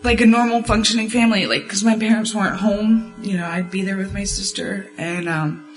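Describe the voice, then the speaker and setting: A woman in her thirties who grew up in Florida, giving a personal testimony hesitantly, with many pauses and fillers. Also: mid-range voice, steady tone, faint music behind, rough recording. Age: 30s. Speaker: program participant.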